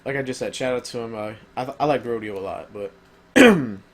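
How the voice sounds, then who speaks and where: An album reviewer gives a casual, opinionated spoken review at a fairly quick pace in a medium-pitched voice, mentioning that he's losing his voice. He rambles and fills his speech with ums and uhs.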